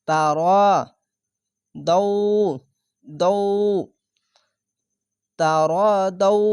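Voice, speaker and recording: A man's voice: fairly high pitch, no room sound, clean studio sound. A man teaching Quran reading, spelling out each syllable patiently and repeating words for drilling. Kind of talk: slow spelling-out recitation lesson.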